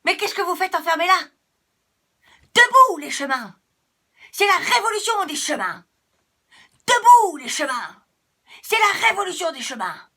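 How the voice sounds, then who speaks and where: A woman voicing a small, young male path who is rebellious and fiery, shouting rallying cries in a storybook tale. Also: very high voice, very animated, unhurried, pauses often, voice pushed up, full character voice. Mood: rousing.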